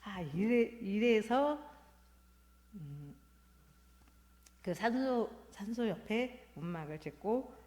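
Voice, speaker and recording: A woman in her fifties, a Won Buddhist minister, giving a halting, reflective talk at a Sunday service. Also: mid-range voice, lively intonation, a little mellow. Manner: halting, reflective, personal storytelling. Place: temple hall. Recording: long hall reverb.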